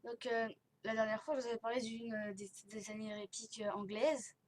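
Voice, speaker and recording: This gaming video channel host's fairly quick, flat, somewhat high voice carries her casual, hesitant, rambling commentary as she tours a game. She speaks with her mouth barely open and slurred S sounds caused by dental elastics, in a noisy home recording where clicking can be heard.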